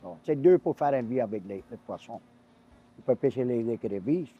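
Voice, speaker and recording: A man's voice: mid-range voice, expressive, normal speed, breathy edge, lo-fi sound. An older man from Louisiana with a Cajun French accent, chatting casually in a rambling, repetitive way. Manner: rambling, repeats himself. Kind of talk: casual chat.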